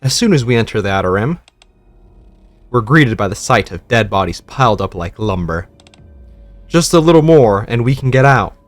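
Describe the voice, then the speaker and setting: Male narrator reading a game story, animated pitch, soft music underneath. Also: no room sound. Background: faint music.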